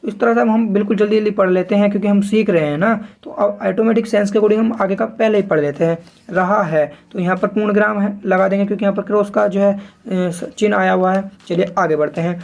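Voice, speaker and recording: A man teaching shorthand step by step, spelling out sounds slowly and repeating each word, often addressing viewers as friends. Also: high voice, steady tone, vocal fry, a little mellow. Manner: slow and repetitive, spelling out sounds piece by piece and calling viewers "friends". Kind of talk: step-by-step tutorial explanation.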